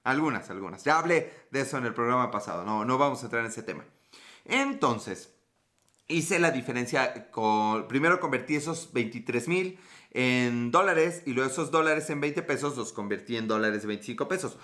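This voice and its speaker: A man's voice: mid-range voice, animated, moderate pace, pushed and bright. A man with a Mexican accent, chatting casually on a live stream, answering his viewers with crude jokes and frequent swearing. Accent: Mexican Spanish. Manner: joking and crude, swears freely.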